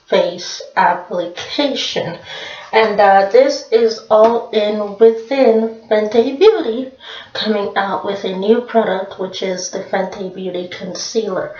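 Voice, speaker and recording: A woman's voice: mid-range voice, darkish tone. A woman hosting a makeup tutorial, explaining steps casually and often repeating her phrases. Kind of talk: casual how-to talk. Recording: echoey room, mic far off, dull sound.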